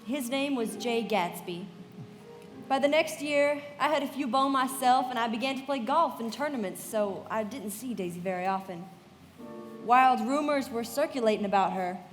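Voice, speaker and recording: In a live radio play, a woman voices a poised young society woman narrating a story in a measured, confiding way. Her voice sits on the high side, close to an everyday register, in a reverberant hall with music behind.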